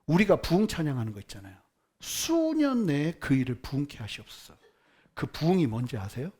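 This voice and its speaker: A male pastor preaching a sermon with emphatic swings between quiet murmurs and loud outbursts, leading the congregation in reading scripture aloud. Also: a little high, very animated, fairly quick, slightly rough. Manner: leads the congregation in unison Bible reading.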